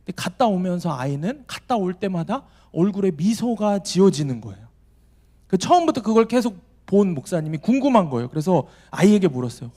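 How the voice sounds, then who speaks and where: Animated, warm-toned male pastor preaching. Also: high-pitched. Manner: storytelling, acting out the voices in his anecdotes. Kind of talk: sermon to a young adults' service.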